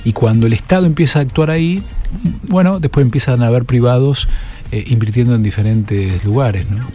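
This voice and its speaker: A middle-aged man with an Argentine Spanish accent answers interview questions as a political candidate. His mid-range voice has a dark tone, and his measured delivery pauses often on many fillers and restarts.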